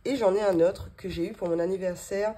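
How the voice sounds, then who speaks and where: A budgeting vlogger in her thirties sits at her home office desk, unboxing and showing off her budgeting binders in a casual show-and-tell. Her mid-range voice is steady, brisk, and mellow, with many fillers and small laughs.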